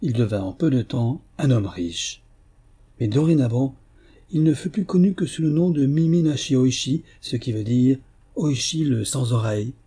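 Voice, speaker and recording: Brief: male audiobook narrator, measured and mellow, slightly breathy voice. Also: medium pitch, expressive. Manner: measured storytelling delivery. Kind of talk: scripted narration.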